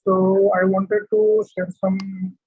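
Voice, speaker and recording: A young man speaks on an online call that keeps breaking up, his sound dull and patchy. His voice sits high and a little husky, and he pauses often with fillers. The sound is dry, with no room around it. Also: monotone, dry recording. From India. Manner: hesitant, many uh fillers. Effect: video call audio breaking up. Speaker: medical student. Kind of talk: online meeting discussion. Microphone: video call.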